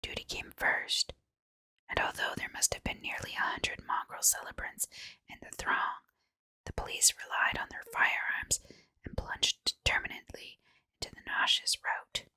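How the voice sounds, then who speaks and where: A woman reading a horror story for ASMR in a hushed, breathy, unvoiced whisper, with deliberate, measured phrasing. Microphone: close mic, dry.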